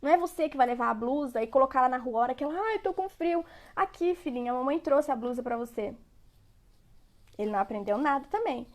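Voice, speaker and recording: A woman giving a parenting lecture, conversational and repetitive, often checking in with her listeners. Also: sits high. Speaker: parenting educator.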